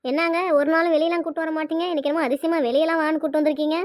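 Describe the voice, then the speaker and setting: A woman voicing a stubborn, sharp-tongued middle-aged mother in a cartoon, arguing defiantly in Tirunelveli Tamil. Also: high voice, level tone, very fast, no echo, clean studio sound, close to an everyday voice. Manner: argumentative, defiant. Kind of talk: cartoon dialogue.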